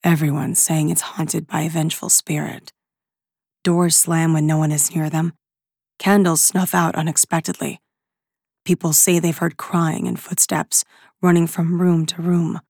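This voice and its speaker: A woman voicing a friendly young man who speaks lower and slower, confiding and sly. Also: vocal fry, a little mellow, no room sound, clean studio sound.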